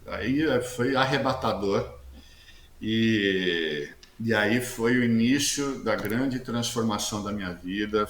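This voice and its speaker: A man, a guest telling his testimony in a casual interview, talking loudly and acting out the dialogue he quotes with plenty of slang. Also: fairly low pitch. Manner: lively storyteller who acts out quoted dialogue, slangy; speaks loudly. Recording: echoey room with faint background hiss.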